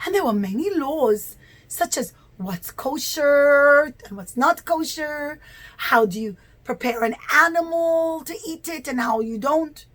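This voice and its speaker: A woman with a high voice tells stories and gives religious lessons to young children, speaking a little slowly. She uses simple words and an expressive delivery, stressing key words and drawing them out.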